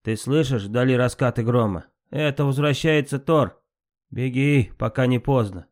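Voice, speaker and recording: A man's voice: mid-range voice, moderate pace, a little mellow, natural voice. A man reading an audiobook, voicing a male guardian god giving an urgent warning.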